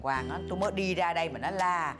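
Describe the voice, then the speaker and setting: A woman's voice: lowish voice, fast talker, music in the background, close to an everyday voice. An actress playing a chatty, boastful elderly mother in her sixties, with a Southern Vietnamese accent and frequent exclamations. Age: 60s. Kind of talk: sitcom acting.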